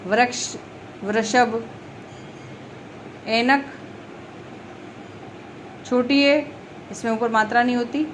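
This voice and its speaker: Slow, patient woman teaching children. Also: a little high, slight background noise, poor audio. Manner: slow, patient, repeats letters and example words. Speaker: primary school teacher. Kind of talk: explaining Hindi grammar to young children.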